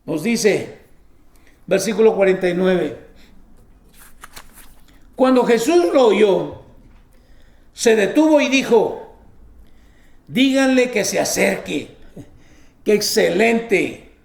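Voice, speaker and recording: High, gravelly-voiced man preaching in an echoey room. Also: lively intonation, slow, pauses often. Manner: emphatic, exclaims often, reads scripture aloud. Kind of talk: sermon.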